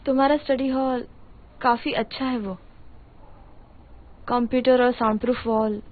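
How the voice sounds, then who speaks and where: An actress playing a proud, easily flustered young female student in a dubbed drama, expressive and quick to protest. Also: on the high side, lightly acted. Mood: teasing, curious. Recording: muffled phone-like sound, music behind.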